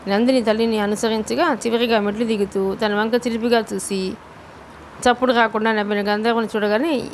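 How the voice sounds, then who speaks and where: A woman narrating a novel as an audiobook reader, in a steady storytelling manner. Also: on the high side, a little fast, slight background noise. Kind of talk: novel reading.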